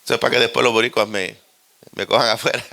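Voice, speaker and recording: Puerto Rican male preacher, joking, tense bright tone, gravelly. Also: medium pitch, quick pace. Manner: animated, joking, conversational. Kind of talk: humorous storytelling sermon.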